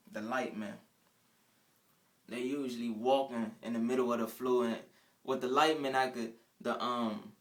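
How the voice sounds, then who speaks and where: A young man casually telling a rambling first-person account in a vlog, with restarts and trailing off. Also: mid-range voice. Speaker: vlogger.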